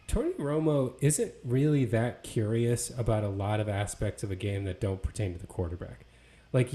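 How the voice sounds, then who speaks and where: A man's voice: lowish voice, warm tone. A man co-hosting a casual sports podcast, talking in a loose, conversational way full of fillers and restarts. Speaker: podcast co-host.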